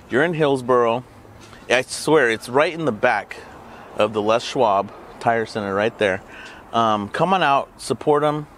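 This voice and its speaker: Male food vlogger, mid-pitch, loose and rambling with jokey asides, faint traffic ambience. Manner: rambling, joking asides while eating. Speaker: burrito reviewer and channel host. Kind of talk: casual food review vlog.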